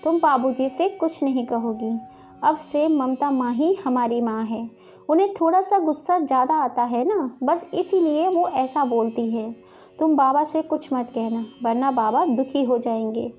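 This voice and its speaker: A protective older brother speaks calmly and kindly, as a woman acts him out. His voice is high and soothing. Faint music plays beneath. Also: measured pace. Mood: gentle. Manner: calm, soothing.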